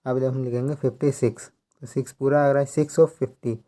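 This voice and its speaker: A man giving a slow tutorial, counting out numbers one by one and explaining how each is read. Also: mid-range voice, fairly even intonation, mellow. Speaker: language teacher.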